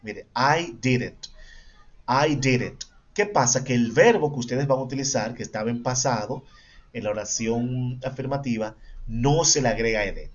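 A male English teacher giving an online class, moving between Spanish and English and repeating each example slowly. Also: medium pitch. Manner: quizzes himself aloud with pupils' questions. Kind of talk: online class explaining grammar. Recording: dull lo-fi sound.

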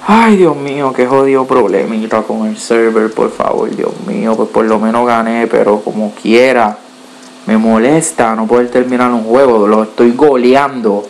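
A man's voice: mid-range voice, normal speed, vocal fry, a little hiss or hum, rough recording. A man commentating his own football video game match, groaning, cursing and cheering at the play and slipping into English. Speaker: gaming YouTuber. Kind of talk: gameplay commentary.

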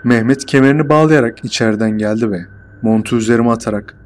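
A mid-range male voice tells a horror story in the first person, keeping a steady, measured storytelling tone.

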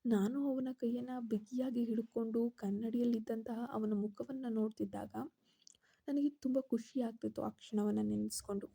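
Female storyteller, dark mellow tone, pitched a bit high. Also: steady tone, moderate pace, vocal fry, slightly rough. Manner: voices the characters' quoted lines herself. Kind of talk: first-person story narration.

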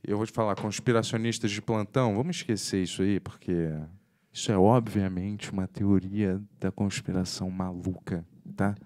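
Low-voiced joking podcast host. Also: male voice, fairly even intonation, moderate pace. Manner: joking, theatrical, acts out quotes loudly. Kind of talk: casual podcast banter.

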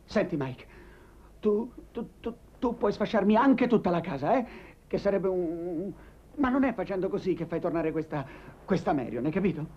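A man's voice: high voice, expressive, normal speed, darkish tone. A talkative italian man, ironic, coaxing, voice going up and down a lot, dull old film audio. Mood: soothing. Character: chatty Italian man in Milan, comforting old friend. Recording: dull 1980s film soundtrack, faint hiss.

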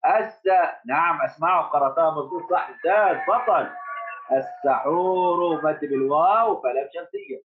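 A man teaching first graders online, encouraging the class, repeating words slowly and asking them questions. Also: a little high, music in the background. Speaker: primary school teacher. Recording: tinny phone-like audio.

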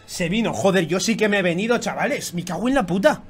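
A man doing excited reaction commentary, swearing constantly and bursting into shouts. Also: sits high, fast, breathy edge. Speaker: YouTube manga reactor.

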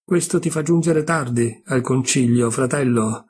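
A man's voice: mid-range voice, a little slow, a little mellow, breathy edge. A man reading aloud as a boastful, dull-witted male bull god in a storybook tale. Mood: pompous.

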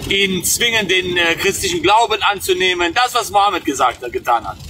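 A man's voice: high voice, animated, fairly quick. A man hosting a live stream, ranting with mocking rhetorical questions, speaking from inside a car. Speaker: streamer and host. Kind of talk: casual live-stream rant. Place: in a car in the city. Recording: loud traffic noise outside.

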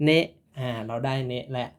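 A man's voice: mid-range voice, normal speed, clear, resonant tone. A man teaching a writing lesson, patiently repeating each syllable and stroke order. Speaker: Japanese teacher. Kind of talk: slow step-by-step writing lesson.

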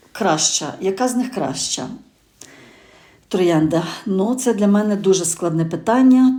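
A woman's voice: fairly low pitch, mellow. A middle-aged woman from Ukraine, hosting a gardening channel and chatting casually with hesitations and self-corrections. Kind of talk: casual spoken garden review.

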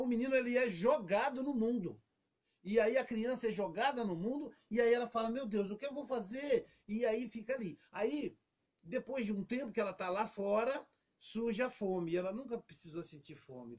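A man speaking as an interview guest, telling a lively story and acting out quotes in casual explanatory talk. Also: high-pitched, normal speed.

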